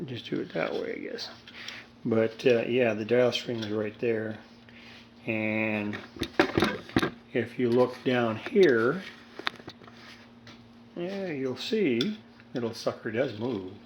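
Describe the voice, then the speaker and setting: Taking it slowly and pausing often, a medium-pitched man in his 70s shows how he restores radios as a hobby. The homemade video has constant background noise, and his hands-on demo is folksy, rambling, casual, and dryly funny.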